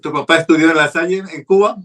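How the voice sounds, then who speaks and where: Host: man, bright forceful tone, short friendly questions. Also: on the high side, fast talker. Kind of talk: interview hosting.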